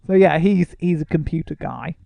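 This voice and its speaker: Male podcast co-host, gravelly, teasing, dry studio sound. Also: on the high side, normal speed, mellow, no room sound. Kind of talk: casual comedic chat.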